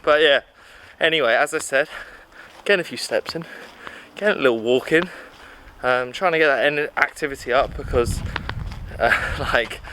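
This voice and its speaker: A fitness vlogger chats casually to his handheld camera in a mid-range voice that's bright and forceful, with slight background noise behind him. His vlog talk is upbeat and loose, packed with fillers.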